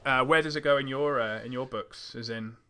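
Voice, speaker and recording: A man's voice: medium pitch, fairly quick, bright, forceful tone, smooth. A man co-hosting a casual movie commentary podcast, agreeable and often chuckling along. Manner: agreeable, chuckling, lots of yeahs. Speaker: podcast co-host.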